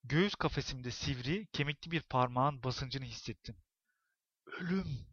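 A man narrating a novel as an audiobook, in expressive, tense storytelling. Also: medium pitch, moderate pace, no room sound, highs cut off.

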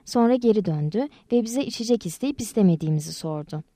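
A woman narrating an audiobook in an even, measured reading style. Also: medium pitch, no echo, clean studio sound. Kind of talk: scripted storybook narration.

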